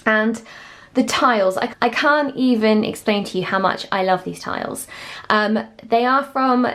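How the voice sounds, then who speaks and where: A woman gushing excitedly as she gives a casual vlog tour of a makeover reveal. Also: fairly high pitch, a little slow. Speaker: home makeover vlogger, host. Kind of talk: house tour vlog, casual chat to camera.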